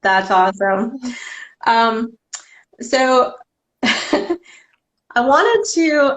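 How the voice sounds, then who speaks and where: A woman from Ohio co-hosting an interview, asking questions in an unhurried, hesitant way with many ums. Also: mid-range voice, fairly bright tone, low-quality recording. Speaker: co-host interviewer.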